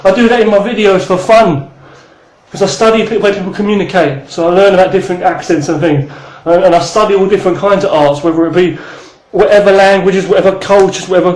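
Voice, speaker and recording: A man's voice: sits high, reverberant, poor audio. A man in his thirties teaching martial arts in a rambling, casual way, swearing and then apologizing. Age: 30s.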